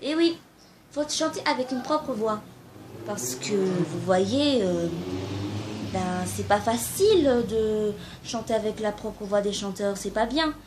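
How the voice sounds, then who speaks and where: A woman's voice: medium pitch, expressive, takes it slowly, noisy background. A young woman talking casually to camera and giving amateur singing tips, informal and a little hesitant, with frequent fillers.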